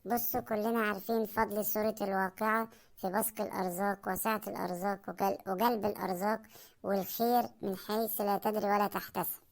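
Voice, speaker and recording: A woman with an Egyptian accent closing a video with calm, earnest religious advice. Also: medium pitch, quick pace, gravelly. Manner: calm, earnest, soft-spoken.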